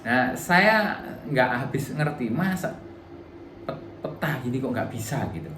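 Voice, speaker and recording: A man's voice: mid-range voice, lively intonation, unhurried, background noise. A middle-aged man giving a relationship seminar to a live audience in a casual, chatty way, acting out little dialogues. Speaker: workshop trainer.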